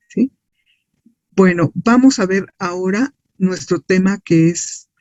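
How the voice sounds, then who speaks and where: A man's voice: high voice, a little mellow, dry recording. A man with a Mexican accent lecturing as a science teacher, explaining didactically with rhetorical questions and checks for agreement. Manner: didactic, asks and answers own questions, often seeks agreement with tag questions. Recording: dull, lo-fi, dry sound.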